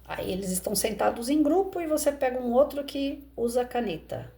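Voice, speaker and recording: Mellow-voiced Brazilian woman educator. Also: on the high side, animated, brisk, gravelly. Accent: Brazilian Portuguese. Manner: conversational, explains with rhetorical questions. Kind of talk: reflective commentary on a parable.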